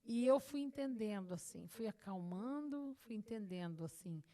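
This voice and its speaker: A woman's voice: on the high side, animated, moderate pace, dark tone. A middle-aged woman host sharing an emotional personal testimony, earnest and repeating phrases for emphasis. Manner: acts out her own past words to God.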